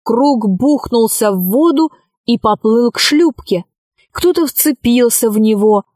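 Woman narrator for a kids' tale, slow deliberate reading, fairly high voice, dry close sound. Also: a little mellow, dry recording. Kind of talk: children's story reading.

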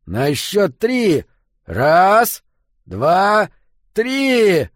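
A hard, commanding man, played by a male audiobook reader, who shouts and swears at the top of his voice. His pitch rides high with strain and every line is barked. The recording is dry and close, without any room sound. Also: wildly swooping pitch, very slow, no echo, exaggerated voice. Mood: shouting orders. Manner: shouting, swearing, counting out orders. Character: gruff commanding man, foul-mouthed and forceful. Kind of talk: audiobook character voice.

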